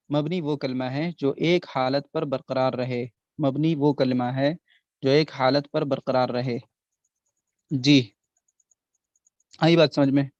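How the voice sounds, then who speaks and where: A man's voice: medium pitch, a little mellow, dry recording, muffled recording. A man teaching Arabic grammar in an online class, patiently repeating examples and checking that students follow. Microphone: online class audio.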